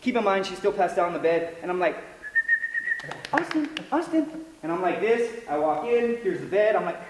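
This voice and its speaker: A young man telling a story to camera in an animated, profane way, calling the listener "dude" over and over. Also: high-pitched, quick pace, very noisy. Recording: echoey room with music behind.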